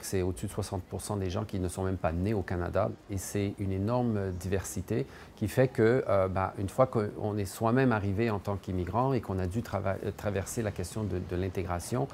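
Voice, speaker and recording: Low-voiced guy explaining stuff, lots of euh, thinking out loud. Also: fairly even intonation, brisk, vocal fry, few pauses, a little hiss or hum. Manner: thoughtful, hedging, frequent fillers. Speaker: expert commentator. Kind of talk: explanatory interview.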